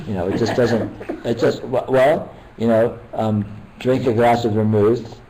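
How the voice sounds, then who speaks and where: An older man, a meditation teacher, talking casually at a retreat in a halting, rambling way with many restarts. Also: medium pitch, steady tone, warm tone, a little hiss or hum, rough recording.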